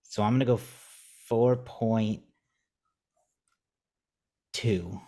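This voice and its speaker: A man's voice: lowish voice, steady tone, extremely slow, mellow. Chuckling, easygoing man on a podcast. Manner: chuckling, easygoing, frequent fillers. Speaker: podcast co-host. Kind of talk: casual movie podcast chat.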